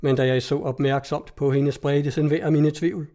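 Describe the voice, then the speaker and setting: A man narrating a story in a steady, measured reading style. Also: on the high side. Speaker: audiobook reader.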